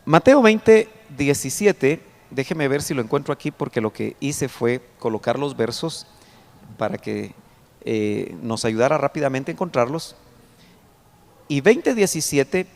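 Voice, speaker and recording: Lively male pastor in a reverberant hall. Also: a little high. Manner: explains verses slowly, pointing at a chart; reads scripture aloud with rising emphasis. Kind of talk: Bible study sermon.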